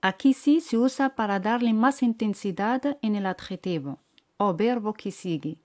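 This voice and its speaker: A woman teaching French to beginners, repeating each word and phrase slowly and patiently. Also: medium pitch, warm tone. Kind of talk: slow language lesson with repeated model phrases.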